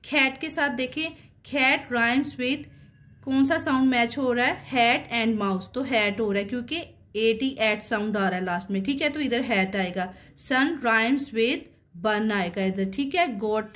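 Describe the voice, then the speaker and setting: Woman, online teacher, somewhat high voice, slow careful English reading, keeps checking "right?". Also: a bit bright. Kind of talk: explaining a children's English lesson.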